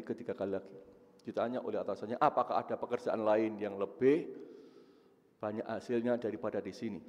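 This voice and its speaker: A man's voice: mid-range voice, darkish tone. A male preacher, telling a moving story in a mosque sermon and often addressing listeners as "Pak". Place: mosque hall. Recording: reverberant mosque hall.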